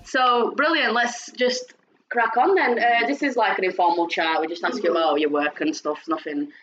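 A woman's voice: mid-range voice, normal speed, a bit bright, muffled recording. A woman co-hosting a podcast, introducing and interviewing guests in a casual, informal way. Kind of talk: casual chat.

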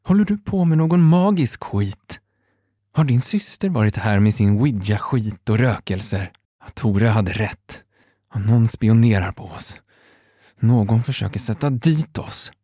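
A man's voice: lowish voice, warm tone, dry recording, studio quality, close to an everyday voice. A man playing a hot-tempered, foul-mouthed thug who curses angrily in an audio horror story. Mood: furious. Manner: cursing, angry.

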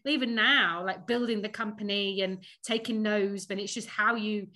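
A woman's voice: medium pitch, fairly even intonation, normal speed, pushed and bright. A woman from Sheffield with a Northern English accent, chatting casually as a podcast guest, laughing often and using many fillers. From Sheffield, England. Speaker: podcast guest, company founder. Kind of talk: casual interview chat.

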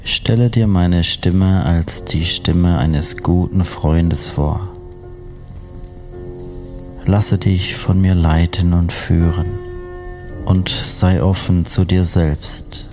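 A man speaking as a sleep story narrator and meditation guide, soothing and hypnotic, with long unhurried pauses. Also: sits low, steady tone, a little mellow, soft background music. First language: German.

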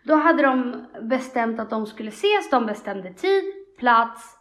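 A woman co-hosting a podcast, retelling a story in casual, animated, slangy chat. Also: on the high side. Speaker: podcast co-host.

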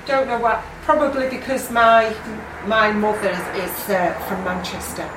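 A woman from Warrington with a northern English accent, answering street questions haltingly and repeating herself. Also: mid-range voice. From Warrington, England. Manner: halting, repeats words as she thinks. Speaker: passer-by. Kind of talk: casual street interview. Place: outdoors on a street. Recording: distant, echoey, noisy street.

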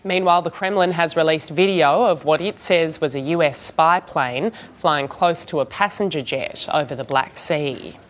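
Low-voiced Australian woman reading the news. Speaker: news presenter. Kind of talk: scripted news bulletin reading.

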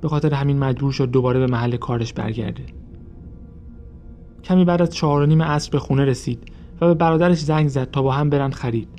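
Mellow-voiced man narrating true crime. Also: medium pitch, soft background music. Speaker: podcast narrator.

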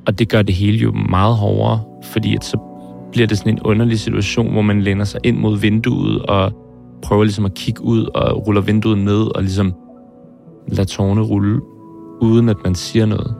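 A man in his twenties, speaking hesitantly and thoughtfully in an interview, often pausing and restarting. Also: fairly low pitch, flat delivery, creaky, a little mellow, soft background music. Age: 20s. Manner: hesitant, pauses and restarts, searching for words. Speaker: film director interviewed about his heart surgery. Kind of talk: reflective interview.

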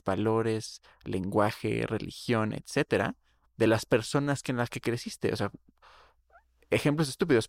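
Un hombre joven con acento mexicano, copresentador de un pódcast, opinando en charla casual con muchas muletillas y groserías. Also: male voice, on the low side, no room sound, studio quality. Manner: opinionated, slangy, rambling. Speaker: podcast co-host. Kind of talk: casual chat.

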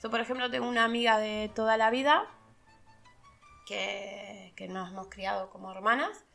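A woman's voice: mid-range voice, fairly even intonation, normal speed, gravelly, a bit bright, soft background music. A middle-aged woman, talking casually as a podcast host, laughing and acting out the voices of people she quotes. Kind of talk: casual reflective monologue.

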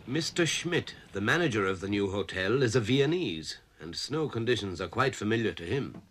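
A man narrating a documentary in a measured, descriptive scripted style. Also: fairly low pitch, expressive, a bit bright, a little hiss or hum.

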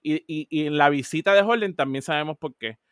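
Animated man, slightly high voice. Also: brisk, clean tone, dry recording, clean studio sound. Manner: animated, mixes English words into Spanish, frequent restarts. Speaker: podcast co-host. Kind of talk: casual discussion of a TV series.

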